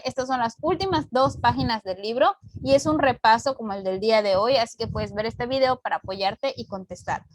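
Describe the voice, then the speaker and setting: High-voiced woman teaching a recorded class. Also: no echo, low-quality recording. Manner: clear, patient explaining with example sentences. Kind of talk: recorded online grammar lesson. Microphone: computer mic on video call recording.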